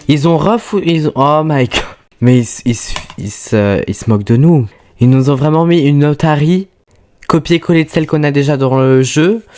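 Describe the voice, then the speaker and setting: A woman streamer giving casual gaming commentary, excitable and prone to loud, squealing outbursts. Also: extremely low pitch. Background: faint background music.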